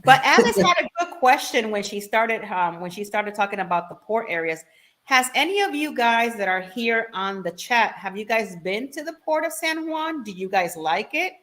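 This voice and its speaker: Bright-voiced woman co-hosting a live stream. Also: fairly high pitch, sing-song, moderate pace. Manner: laughs often, reads viewer questions aloud. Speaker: co-host reading the live chat. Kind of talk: casual chat on a live stream.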